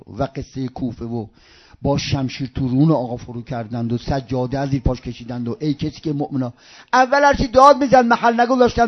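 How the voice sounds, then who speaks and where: Impassioned high-voiced male preacher, lo-fi. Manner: impassioned, swinging from loud outbursts to hushed near-whispers; chants some phrases in a sing-song cadence. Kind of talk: religious sermon with storytelling. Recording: dull lo-fi recording.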